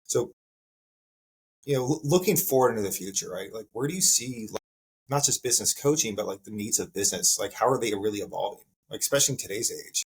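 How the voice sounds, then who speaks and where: Husky, low-voiced male podcast host. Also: expressive, fast talker, poor audio. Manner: conversational, repeats himself, many "like" fillers. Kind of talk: casual interview talk.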